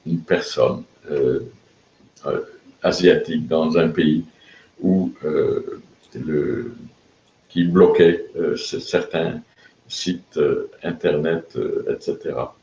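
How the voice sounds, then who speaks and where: Older French-born man as a live-stream host, halting and filler-heavy, in a roomy, dull-sounding recording. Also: a bass voice, fairly even intonation, warm tone, slight background noise. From France. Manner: hesitant, many fillers and restarts. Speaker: video blog host. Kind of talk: casual storytelling to camera.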